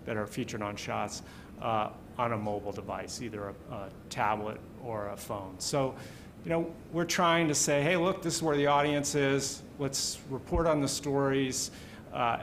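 A middle-aged man speaking as an editor on a panel, measured and explanatory with some hesitation, at a table microphone in a wood-panelled hall. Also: mid-range voice, gravelly, slight background noise. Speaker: panelist, radio news editor. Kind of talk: panel discussion remarks.

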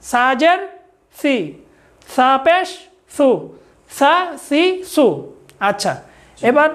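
High-voiced woman drilling letter sounds. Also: expressive. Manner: slow, syllable-by-syllable recitation and patient instruction. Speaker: Quran reading teacher.

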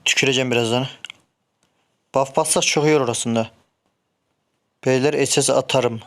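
Male streamer, chatty and hot-headed, mid-pitched, talks through his match. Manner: excitable, swears and grumbles at teammates. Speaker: gameplay streamer. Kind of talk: casual live game commentary.

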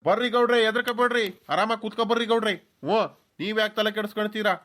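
Man playing a cocky young village biker, quick and high, cartoon. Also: fairly even intonation, a bit bright. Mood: breezy. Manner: breezy, reassuring.

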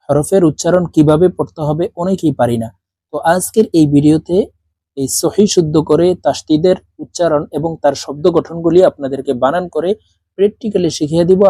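Mellow-voiced man teaching Quran reading. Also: fairly high pitch, husky, dry recording, studio quality. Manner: slow, deliberate syllable-by-syllable spelling for the class to repeat. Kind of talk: spoken lesson with spelled-out drills.

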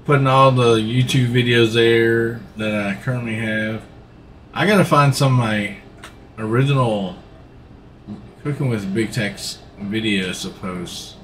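Speaking at medium pitch and an unhurried pace, a middle-aged man offers relaxed, wandering commentary on a farming game he's livestreaming. The tone is fairly bright, he sits in a gaming seat in a home room, and there's a slight hiss or hum.

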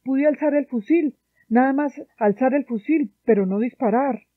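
A woman's voice: high-pitched, normal speed, no echo, voice pushed up. A haunted young soldier, read by a woman. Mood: anguished. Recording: dry, tinny phone-like sound.

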